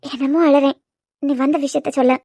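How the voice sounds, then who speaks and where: A woman's voice: high voice, little pitch movement, normal speed, warm tone, no room sound, studio quality. A woman with a Kanyakumari Tamil accent voicing a hurt, guarded young woman in a cartoon serial. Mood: curt.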